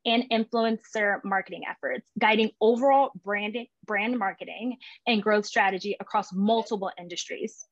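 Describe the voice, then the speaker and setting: A woman's voice: mid-range voice, no echo. A woman moderating a professional interview, reading prepared introductions in a polished way with the odd filler, over a video call. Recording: dull, dry lo-fi audio.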